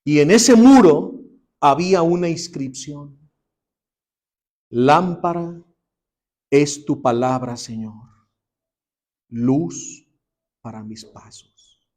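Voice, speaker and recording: Guy teaching bible class, kinda high voice, tells the story with feeling, goes real quiet on the heavy parts. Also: expressive, drawn-out words, pauses often. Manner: dramatic retelling, dropping to a hushed voice for emotional lines.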